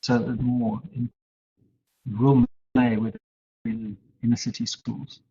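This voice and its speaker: A man speaking haltingly in an unscripted online conversation as a conference speaker, with many restarts, while his choppy audio keeps dropping out at uneven volume. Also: medium pitch, flat delivery, mellow, slightly rough. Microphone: video call. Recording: dull lo-fi call audio.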